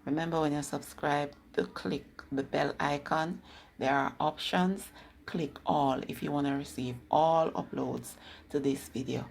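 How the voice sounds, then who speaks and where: Jamaican woman, cooking vlog host, chatty instructive delivery, deep voice, faint room ambience behind. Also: steady tone, a little slow, vocal fry, darkish tone, a little hiss or hum. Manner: chatty, instructive, slips into patois. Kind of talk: casual cooking video narration.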